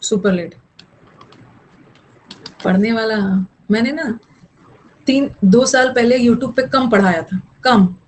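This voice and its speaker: A woman's voice: fairly high pitch, darkish tone, poor audio. A young woman teaching an online English grammar class, mixing explanation with chatty scolding asides to her students.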